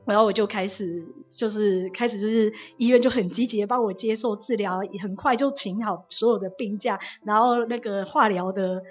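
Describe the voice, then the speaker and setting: A young woman from Taiwan, a nurse telling her testimony as a guest in an animated way and acting out the words of the people she quotes. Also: medium pitch, normal speed, few pauses, husky. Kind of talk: personal testimony storytelling. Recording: dull lo-fi audio with faint music.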